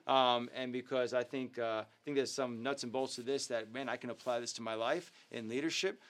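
Guy hosting a church youth livestream, earnest and upbeat, lots of um and uh, regular pitch. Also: steady tone, a little fast. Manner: filler-heavy, earnest, upbeat. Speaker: youth ministry leader and host. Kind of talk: casual livestream talk with devotional teaching.

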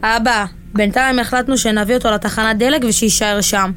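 A woman's voice: a little high, fairly even intonation, a bit bright, slight background noise, natural voice. An actress playing an emotional young woman, a worried daughter, in a radio drama. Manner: pleading, emotional.

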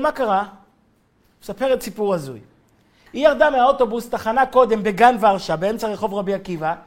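A man giving a weekly Torah lesson as a rabbi, telling stories in an animated way and acting out the quotes. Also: very high-pitched. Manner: animated storyteller, acts out quotes, chuckles while telling.

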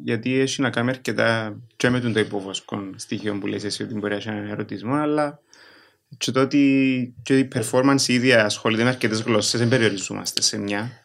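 Creaky-voiced man with a Greek Cypriot accent. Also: mid-range voice, steady tone, a bit bright. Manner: mixes English words into his speech. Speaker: interview guest, writer and performer. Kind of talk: casual interview chat.

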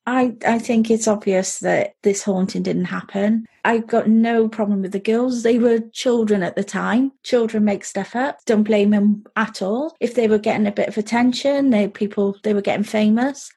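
A woman co-hosting a podcast in casual chat, skeptical and quick to react. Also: fairly high pitch, steady tone, mellow, breathy edge. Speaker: podcast co-host.

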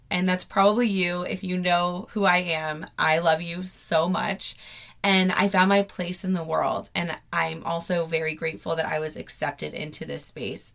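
A woman's voice: on the low side, fairly bright tone. An American woman podcasting from inside a closet, telling personal stories in a casual, gushing, informal way. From South Florida, United States. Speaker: podcast host. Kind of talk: casual, chatty personal storytelling.

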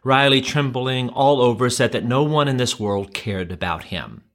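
A man preaching, telling a story in a measured, dramatic manner with shifting tempo. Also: medium pitch, a bit bright. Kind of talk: sermon storytelling.

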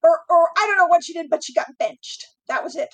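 A middle-aged woman guest telling family stories in a casual chat, animated and laughing often. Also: very high voice, fairly quick, rough recording.

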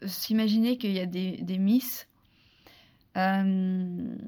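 A woman from France, a guest in a casual interview, telling a story in a lively, chatty way with many restarts and fillers. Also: medium pitch, takes it slowly. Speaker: interview guest, former beauty pageant contestant.

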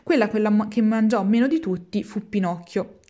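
A woman reading a children's classic aloud, in a measured, expressive narrating voice. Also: mid-range voice. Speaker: storyteller.

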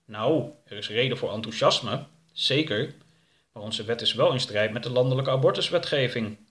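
A man's voice: mid-range voice, normal speed, fairly bright tone, close to an everyday voice. A man voicing a self-assured older male politician in a storybook reading, earnest and self-satisfied.

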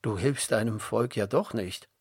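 A man's voice: lowish voice, measured pace, husky, no echo, clean studio sound. A man reading the part of a despairing prophet in a storybook, pleading and reproachful in prayer. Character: despairing male prophet praying.

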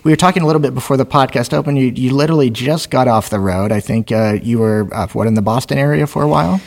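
A man hosting a studio podcast interview, friendly and halting, with many fillers and restarts. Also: medium pitch, creaky, darkish tone. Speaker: podcast host. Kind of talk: casual interview.

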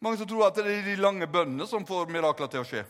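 An older male preacher giving a revival sermon, telling stories in a lively, humorous way and acting out the scenes. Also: sits high. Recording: long reverb in a hall.

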